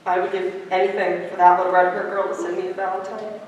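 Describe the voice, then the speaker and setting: A woman's voice: medium pitch, level tone, fast talker, lo-fi sound, natural voice. A woman playing an anxious, hapless young boy in a stage musical, talking and singing nervously. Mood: dejected. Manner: nervous, self-doubting, sings between lines. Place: theater stage. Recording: echoey hall from far off, music.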